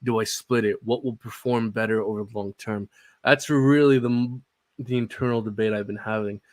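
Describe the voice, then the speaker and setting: A man's voice: fairly low pitch, fairly even intonation, normal speed, dry recording, clean studio sound. A young man in casual conversation about crypto, swearing freely and laughing often. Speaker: crypto podcast guest. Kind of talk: casual chat.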